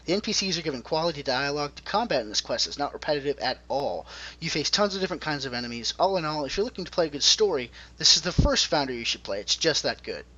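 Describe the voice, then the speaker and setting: This podcast host has a fairly high, sharp voice that swings widely in pitch, and he talks quickly. He chats casually about games at length over a conference call line, which comes through as dull lo-fi audio.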